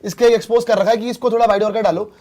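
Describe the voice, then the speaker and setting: High-voiced opinionated man on cricket. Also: fairly even intonation, racing, a little mellow. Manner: opinionated, mixes English phrases. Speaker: cricket panelist. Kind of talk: casual cricket preview chat.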